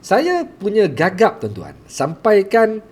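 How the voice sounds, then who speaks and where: A man's voice: sits high, wildly swooping pitch, slow pace, husky. A middle-aged Malaysian man, a teacher telling his own story to listeners, speaking earnestly with a heavy stutter, repeating sounds and blocking on words. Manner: earnest, addresses listeners as tuan-tuan. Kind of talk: personal storytelling to an audience.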